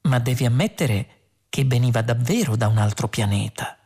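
Clever young scientist, level and dry, low husky tone, as a woman reads her. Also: moderate pace, mellow, full character voice.

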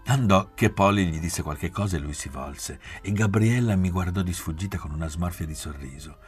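A man reading a novel aloud in a measured, restrained way, often sinking to a near-whisper. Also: low voice, breathy edge, faint music behind. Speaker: audiobook reader. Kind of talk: literary audiobook narration.

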